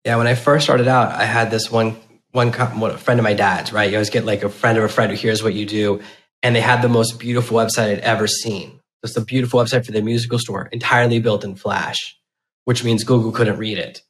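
Chatty lower-pitched male podcast host. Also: little pitch movement, a little fast. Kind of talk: conversational interview.

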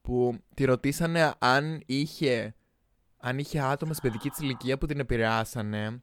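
A young Greek man co-hosting a casual chat, animated and laughing, slipping playfully into other languages. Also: medium pitch, clear, resonant tone. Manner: animated, laughing, jumps into playful English and Spanish.

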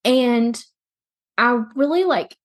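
A woman's voice: a little high, slow. A woman hosting a podcast, telling a personal story in a rambling, candid, conversational way. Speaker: podcast host. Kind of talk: casual personal storytelling monologue.

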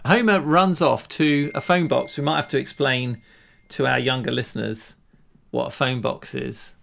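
Gravelly-voiced man, relaxed podcast talk. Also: medium pitch, normal speed, a little hiss or hum. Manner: relaxed, agreeable, lots of yeahs and tag questions. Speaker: podcast co-host. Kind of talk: casual chat.

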